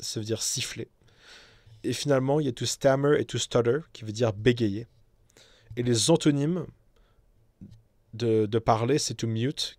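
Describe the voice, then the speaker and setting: A man giving a casual, unscripted vocabulary lesson, pausing and restarting as he explains each word. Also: medium pitch, dry recording, clean studio sound. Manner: unscripted, hesitant, with fillers and restarts. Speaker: English teacher.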